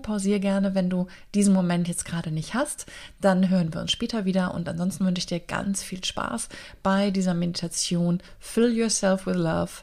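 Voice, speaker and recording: A woman's voice: lowish voice, creaky, darkish tone. A woman hosting a meditation show, giving an informal spoken introduction and talking directly to the listener.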